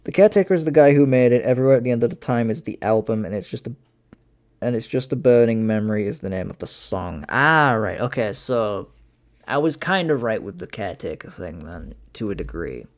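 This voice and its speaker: A man's voice: medium pitch, lively intonation, a little fast. A young man hosting a livestream from home, chatting casually as he reacts, swearing and laughing easily. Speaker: livestream host. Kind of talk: casual live commentary.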